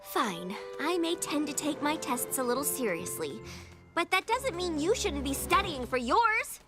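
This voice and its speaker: A woman's voice: sits high, very animated, a little slow. A woman voicing a bookish, fussy young female unicorn in a cartoon, earnest and lecturing, with music behind.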